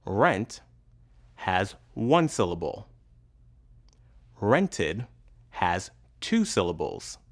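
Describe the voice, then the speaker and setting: A man teaching English pronunciation in a scripted lesson, enunciating each sound carefully and pausing between words. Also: lowish voice. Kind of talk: slow, deliberate scripted instruction.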